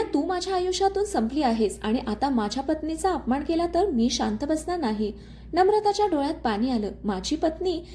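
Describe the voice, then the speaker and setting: A woman's voice: high-pitched, warm tone. A woman reading a dramatic family story aloud as a storyteller, voicing all the dialogue herself. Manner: reads all the characters' dialogue in her own voice. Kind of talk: scripted story narration.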